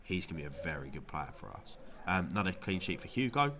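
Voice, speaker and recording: With a low-pitched, sing-song voice that comes out bright and forceful, a fantasy football video creator quickly runs through his week in a casual vlog. He has a cold and sounds nasal, and he rambles a little, restarting often and saying um a lot.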